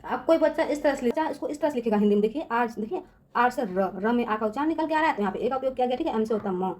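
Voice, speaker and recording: A woman with a high-leaning, expressive and slightly mellow voice teaches children spelling, with a little hiss or hum in the recording. She patiently repeats each step in a drawn-out way, checks in after nearly every line and says "theek hai" constantly. She addresses viewers as children.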